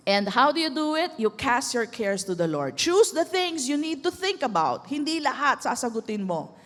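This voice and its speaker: A woman pastor with a Filipino accent preaching a sermon in a mix of Tagalog and English. She calls out for amens and slows to a soft hush on key lines before rising loud again. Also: high-pitched. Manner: switches between Tagalog and English, asks the crowd for amens; slows right down and softens on key lines, then rises loud. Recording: long hall reverb.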